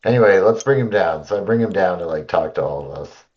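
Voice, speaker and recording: Deep voiced guy at a d&d table, kinda hesitant, muffled audio. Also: expressive, fast. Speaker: player. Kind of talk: tabletop game table talk. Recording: dull lo-fi audio.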